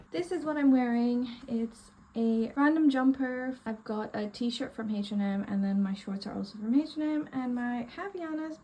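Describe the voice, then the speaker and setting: A woman's voice: fairly high pitch, darkish tone. Chatty young woman vlogging. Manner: rambling, conversational, with loose fillers. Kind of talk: casual chatty vlog talk.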